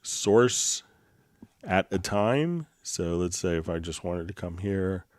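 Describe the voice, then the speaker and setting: A man with a deep, low magnetic voice and a slight cold, explaining software casually and haltingly as a livestream host. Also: lively intonation, dry recording. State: getting over a slight cold. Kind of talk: casual tutorial livestream talk. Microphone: close microphone straight into mixer.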